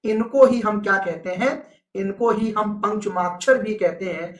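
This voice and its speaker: A man's voice: high voice, unhurried, fairly bright tone, echoey room. A male teacher giving a live online exam-prep lesson, repeating key points with emphasis and answering viewer comments as he goes.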